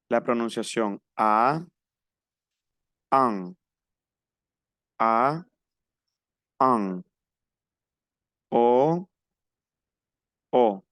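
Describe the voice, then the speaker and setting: A man's voice: medium pitch, clean tone, no echo, studio quality. A man teaching a French class to Spanish speakers, explaining patiently and spelling out pronunciation. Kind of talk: online class instruction.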